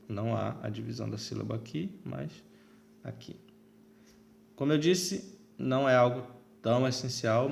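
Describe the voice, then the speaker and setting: Guy teaching latin online, gravelly voice, faint hiss behind him, keeps asking "right?". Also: mid-range voice, darkish tone. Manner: explains step by step, checks in with "certo?". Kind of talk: recorded online lesson.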